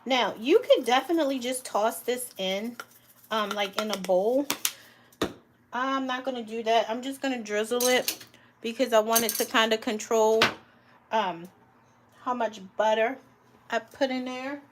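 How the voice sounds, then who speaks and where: A woman's voice: a little high, a little slow, pauses often, background noise. A woman home cook on a live cooking stream, chatting casually with viewers and calling them honey and guys.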